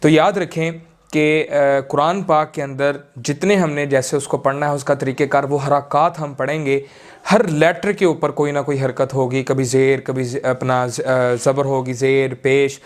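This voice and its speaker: A man teaching Quran reading in a slow, deliberate way, drawing out syllables and using many fillers. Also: mid-range voice, steady tone. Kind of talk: slow recorded lesson.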